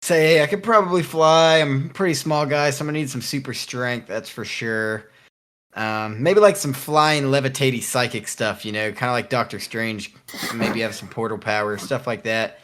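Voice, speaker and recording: A man's voice: mid-range voice, moderate pace, fairly bright tone. Rambling, jokey podcast co-host man. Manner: cocky, rambling, laughs often. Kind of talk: casual podcast chat.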